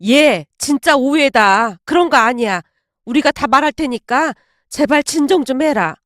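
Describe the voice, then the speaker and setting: A woman voicing an older mother-in-law who scolds her son and then slowly pleads with her daughter-in-law, in a dramatized story reading. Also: high voice, animated, no echo, studio quality. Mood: pleading.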